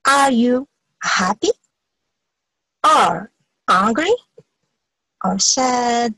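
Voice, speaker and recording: A high-pitched woman with a lively, rising and falling voice teaches a beginners' English lesson. Her tone is slightly husky, and the recording sounds dry and close. She says each phrase slowly, repeats it, then translates it. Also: dry recording, rough recording. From Algeria. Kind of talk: bilingual English lesson, slow model phrases.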